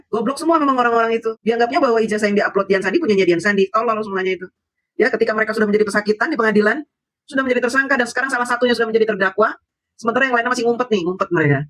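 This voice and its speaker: Fast, high-voiced man ranting scornfully. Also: a bit bright, no room sound. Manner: mocking, insulting, heated; laughs scornfully. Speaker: political commentator. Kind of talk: angry political vlog rant.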